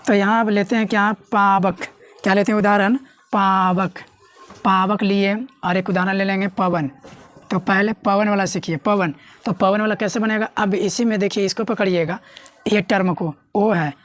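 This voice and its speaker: A woman's voice: mid-range voice, fairly even intonation, moderate pace. A woman teaching a grammar lesson, often asking herself questions and answering them. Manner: asks and answers her own questions. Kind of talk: classroom lesson explaining at a board.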